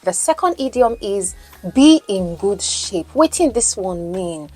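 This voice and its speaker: With a sing-song, slightly mellow mid-range voice and a measured pace, a Nigerian woman teaches English as a coach and podcast host. Yoruba is her first language, and she blends Pidgin into a lesson where she explains and asks the listener questions.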